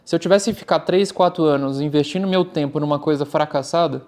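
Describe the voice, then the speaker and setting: A Brazilian man who founded a startup speaks as a guest in a casual interview, sounding candid and animated. His voice is a little high and fairly quick. He uses "cara" a lot.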